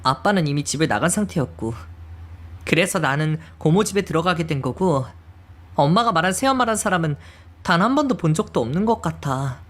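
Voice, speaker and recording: A woman's voice: sits low, expressive, brisk. A woman voicing a hurt young adult daughter who reproaches her mother in an emotional audio drama reading.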